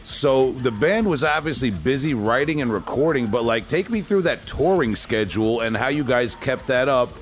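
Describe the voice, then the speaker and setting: A man's voice: medium pitch, animated, moderate pace, hardly any pauses, faint music behind. Laid-back man hosting a podcast interview. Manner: loose, filler-heavy, restarts questions. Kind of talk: casual interview chat.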